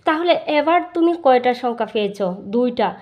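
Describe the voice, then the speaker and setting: A woman's voice: on the high side, expressive, brisk, highs cut off. A woman with a Bangladeshi Bengali accent teaching a primary school math lesson, explaining step by step and answering her own questions.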